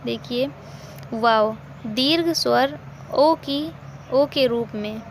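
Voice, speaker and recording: Very slow and deliberate, a woman with a fairly high voice leads a language lesson in which she repeats each example and supplies answers to the questions she raises. A faint background noise can be heard under her.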